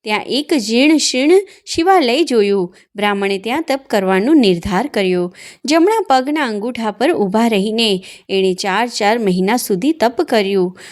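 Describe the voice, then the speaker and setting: A woman narrating a devotional fasting tale in a steady, recited storytelling manner. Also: on the high side.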